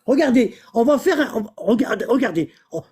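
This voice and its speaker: A man's voice: very high-pitched, animated, a little fast, a little mellow, husky. A man hosting a live online debate, arguing and repeating himself. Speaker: live stream host.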